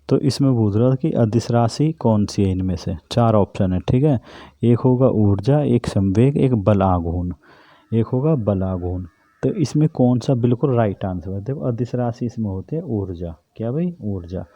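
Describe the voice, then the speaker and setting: A man's voice: on the low side, mellow, no echo. A man teaching an exam-prep physics lesson, who keeps asking questions and answering them himself. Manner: repetitive, asks and answers own questions.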